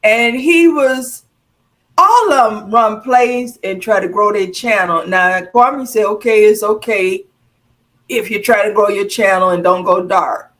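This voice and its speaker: A woman in casual online talk, animated and flirty, laughing often as she talks. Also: mid-range voice, a little slow. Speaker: online talk show guest. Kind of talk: casual chat.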